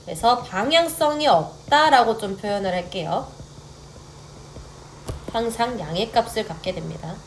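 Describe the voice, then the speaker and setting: A woman's voice: fairly high pitch, expressive, moderate pace, long pauses, a little hiss or hum. A young woman teaching a math lecture, stepping through formulas and often checking that students follow along. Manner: checks in with students, mixes polite and casual speech.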